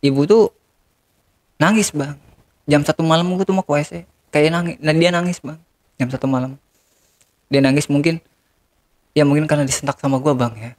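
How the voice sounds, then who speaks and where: A man's voice: on the high side, fairly even intonation, moderate pace, long pauses. A man, telling a regretful confession as an interview guest and often turning to the host. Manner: regretful, keeps addressing the host as "Bang". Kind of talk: confessional storytelling.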